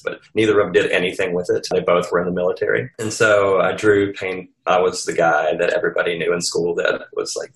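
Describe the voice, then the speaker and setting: A man as an interview guest, telling his life story in a rambling, animated way. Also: low voice, echoey room, poor audio.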